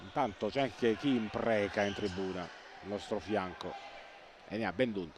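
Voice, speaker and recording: A man giving live play-by-play sports commentary, excitable and breathless, repeating names and words for emphasis. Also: on the low side, moderate pace. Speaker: live futsal match commentator. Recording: noisy sports hall ambience.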